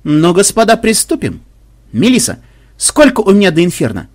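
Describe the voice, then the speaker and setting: A man voicing a brash, reckless male gunman who talks loud and cocky. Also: high voice, huge pitch swings, normal speed, pitched above the performer's own voice. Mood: gleeful.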